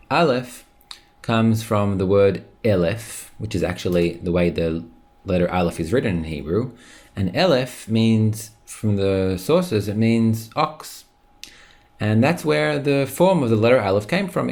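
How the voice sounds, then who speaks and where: Male tutor, lowish voice, lively pitch, patient and encouraging, leads repeat-after-me drills. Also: creaky. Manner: patient, encouraging, drawn-out repetition of words. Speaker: language teacher. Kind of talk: online language lesson.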